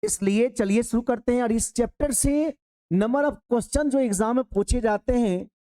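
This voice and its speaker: A man teaching an online exam-prep grammar lesson. He speaks straight to his students, works slowly through an example and repeats key phrases for emphasis. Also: very high-pitched, warm tone.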